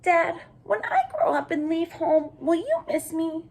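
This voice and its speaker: A woman plays an affectionate little boy in a children's storybook. The voice is high and swoops about with eagerness, wondering and questioning, at an unhurried pace. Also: expressive, vocal fry, exaggerated voice. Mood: eager, questioning. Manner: bright-eyed, questioning, wondering. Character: eager, affectionate young boy talking to his dad.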